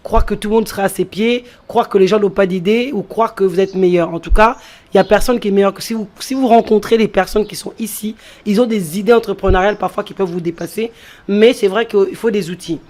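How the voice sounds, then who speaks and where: Speaking fast with a medium pitch and a darkish tone, this entrepreneur, who grew up in France, is a guest in an interview. She breaks explanations down step by step and repeats key phrases to emphasize them.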